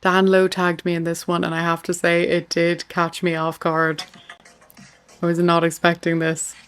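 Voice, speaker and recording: A woman's voice: fairly low pitch, completely flat delivery, normal speed, smooth, faint music behind. A woman hosting a show, reading out captions and commenting on political memes. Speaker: host.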